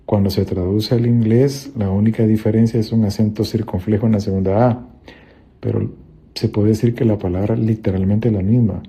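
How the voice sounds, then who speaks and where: A man with a gravelly, slightly husky voice talks through a Bible passage. He explains it patiently and methodically, with a warm, mellow tone. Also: lowish voice, fairly even intonation, normal speed. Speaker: Bible teacher on a podcast. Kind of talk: explanatory Bible study talk.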